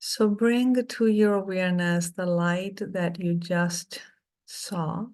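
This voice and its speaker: Softly and soothingly, a middle-aged woman guides a meditation, leaving long pauses between phrases. Her voice is lowish and her tone steady.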